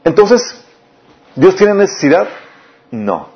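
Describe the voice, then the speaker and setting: A man preaching a sermon, often asking the listeners questions and swinging between raised and lowered delivery. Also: takes it slowly. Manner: questioning the listeners often, lively rises and drops. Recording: dull lo-fi recording.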